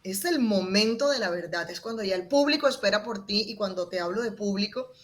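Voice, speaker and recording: A woman's voice: medium pitch, fairly quick. A woman explaining her public speaking method as an interview guest, shifting her tone and volume to demonstrate. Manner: expressive, varies volume and tone to demonstrate.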